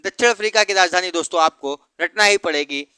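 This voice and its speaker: A man's voice: high voice, fast talker, sharp tone, smooth, no echo. A man teaching geography through memory tricks, asking questions and then answering them himself. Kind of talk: mnemonic geography lesson.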